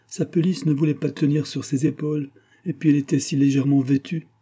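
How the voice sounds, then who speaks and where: A man's voice: fairly high pitch, level tone, fast, dark tone, slightly rough, voice pushed up. A man voicing a grieving, stubborn older mother in a read-aloud novel, insistent and pleading. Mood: distraught.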